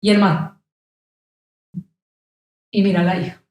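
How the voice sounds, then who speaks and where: A woman's voice: mid-range voice, slow pace. A young woman with a Colombian accent tells a story as a podcast guest. She jumps into the voices of the people she meets. The sound is very roomy and echoey. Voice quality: animated, acts out quoted voices. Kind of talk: casual storytelling. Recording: very echoey room.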